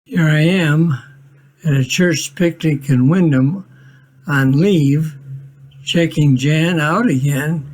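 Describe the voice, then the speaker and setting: An elderly man in his eighties from Minnesota narrates a family home video. He talks slowly and plainly, with a dry wit, and his voice sits a touch high for a man. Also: darkish tone. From Minnesota, USA. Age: 80s. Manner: plainspoken, matter-of-fact with dry humor.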